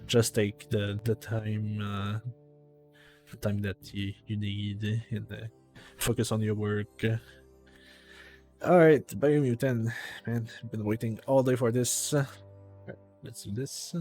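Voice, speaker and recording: A man's voice: fairly low pitch, steady tone, takes it slowly, pauses often, darkish tone, soft background music. A man streaming a video game live, talking casually to chat with many fillers and restarts while he reads menus aloud.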